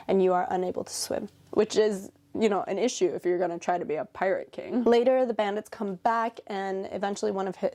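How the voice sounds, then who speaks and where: Chatty woman with a gravelly edge. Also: mid-range voice, mellow. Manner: chatty, fillers like "okay" and "like". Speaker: anime reviewer and vlogger. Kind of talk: casual recap vlog.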